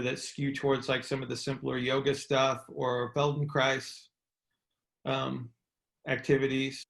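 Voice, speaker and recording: A male coach and mentor hosts a group conference call from an indoor room, giving conversational expert advice in a medium-pitched, slightly bright voice with a fry edge. He explains things and often checks understanding with rhetorical questions. The sound is roomy and echoing.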